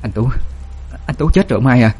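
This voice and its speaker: A man's voice: animated, fairly quick, breathy edge. A man doing a frantic, tearful young woman. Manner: shrill, pleading, breaking into shouts.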